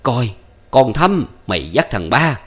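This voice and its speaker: A man voicing an older village notable who talks in a slow, coaxing, soothing way. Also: medium pitch, very animated, breathy edge, voice pushed up, heavily acted.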